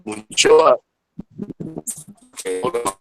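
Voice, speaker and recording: A man's voice: medium pitch, lively intonation, a little slow, music in the background, low-quality recording. A man joining a live panel over a choppy remote conference-call line from a car, explaining point by point. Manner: explains point by point, often calls people "bro". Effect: choppy remote conference-call audio breaking up. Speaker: guest panelist.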